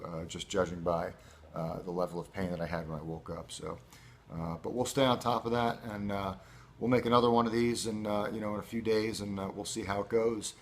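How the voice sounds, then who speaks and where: A man giving a casual first-person video update as a patient, speaking in a halting, measured, matter-of-fact way. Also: sits low, slight background noise. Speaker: patient recording a recovery update.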